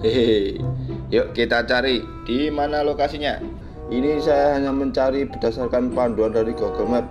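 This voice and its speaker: Male motovlogger, casual jokey riding commentary, mid-pitched, clear music bed underneath. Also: steady tone, moderate pace. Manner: chatty, jokey, addresses viewers as "Lur". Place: on a motorbike on village roads, outdoors. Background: background music.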